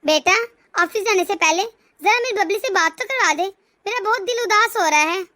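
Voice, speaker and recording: A woman voicing a worried, doting mother-in-law in an animated family story, speaking in an anxious, pleading way. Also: extremely high pitch, moderate pace.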